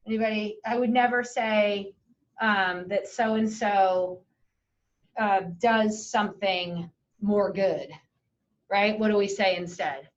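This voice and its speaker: A woman's voice: mid-range voice, steady tone, takes it slowly. A woman teaching a Spanish class, chatty and encouraging, switching between English and Spanish. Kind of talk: classroom lesson. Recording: muffled classroom audio from a distant camera.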